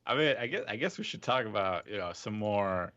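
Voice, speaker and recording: Brief: lower-voiced male podcast regular, teasing, slightly muffled lo-fi mic. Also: sing-song, brisk, a bit bright, dry recording. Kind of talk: casual chat. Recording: dull lo-fi mic.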